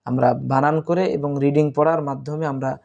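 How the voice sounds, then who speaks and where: A man teaching Quran reading in Bengali, spelling out letters and vowel marks slowly and repeating syllables for students. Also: a little high, fairly even intonation, gravelly, a little mellow, dull audio. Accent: Bangladeshi Bengali. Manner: slow, drawn-out spelling of letters and vowel marks, then recited Arabic words.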